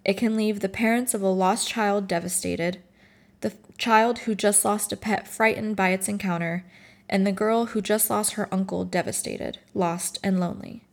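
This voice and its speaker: A woman in her late twenties from Morocco speaks through tears, worn out and emotional. She pauses and restarts often as she works through a personal reflection. At times she reads her own writing aloud. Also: mid-range voice, fairly even intonation. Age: 20s. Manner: halting and emotional, with frequent restarts. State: tearful and tired.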